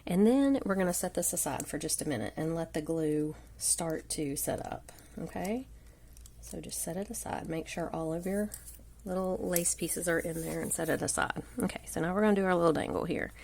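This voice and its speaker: Indoors at her craft table, a woman with a cold hosts a casual live tutorial while an overhead camera shows her hands. Her congested, gravelly voice is lowish and a little mellow, at normal speed. Chatty and rambling, she often drops to a murmur.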